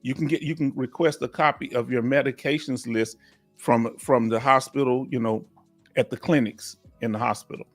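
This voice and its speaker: A man in his fifties, a veteran claims advisor, hosts a loose, folksy live Q&A, repeating himself and coaxing viewers to speak up. His medium-pitched voice is fairly even in intonation at normal speed, with faint music behind.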